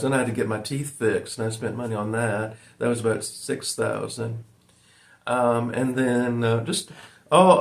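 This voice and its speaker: A man in his forties from Virginia, talking to his viewers in a meandering way, full of ums and uhs, and often calling them "folks". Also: medium pitch. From Virginia, USA. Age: 40s. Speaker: vlogger. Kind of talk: rambling personal monologue to viewers.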